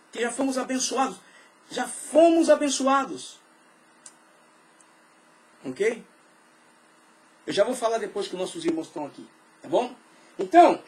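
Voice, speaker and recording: A male pastor preaching a sermon, swinging between loud calls to the congregation and quiet asides, often clearing his throat. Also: high-pitched.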